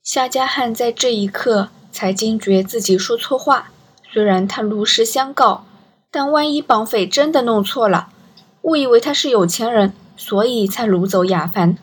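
A woman narrating an audiobook in an even storytelling manner. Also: on the high side, moderate pace, husky.

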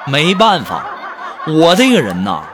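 Animated self-mocking male comedy host. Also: on the high side, measured pace, noisy background. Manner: chatty, self-mocking, laughs while talking. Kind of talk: comic storytelling monologue.

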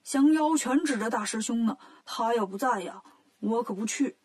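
A woman voicing a calm, loyal male monk disciple in a children's story, speaking low and soft. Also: moderate pace, breathy edge. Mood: earnest.

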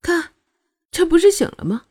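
A woman doing a sly, sharp-tongued noblewoman. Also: high voice, very animated, brisk, slightly rough, exaggerated voice. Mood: needling. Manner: teasing, coy and needling. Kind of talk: audiobook character voicing.

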